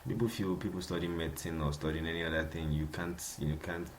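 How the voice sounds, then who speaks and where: Very deep-voiced Nigerian man talking. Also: little pitch movement, quick pace, slight background noise. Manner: chatty, repeats words, laughs often. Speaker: podcast host. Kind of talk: casual solo monologue.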